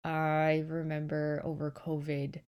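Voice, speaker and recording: A woman's voice: low voice, completely flat delivery, slow pace, a little mellow, clean tone. A woman hosting a casual solo podcast from her bed, chatty and rambling, sounding a little stuffy with a sore throat. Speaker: podcast host. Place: in bed indoors.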